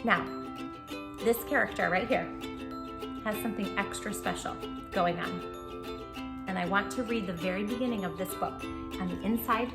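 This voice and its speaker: A woman with a mid-range voice hosts a children's storytime, reading aloud with dramatic emphasis and addressing young listeners directly. She speaks at normal speed with long pauses, and music plays in the background.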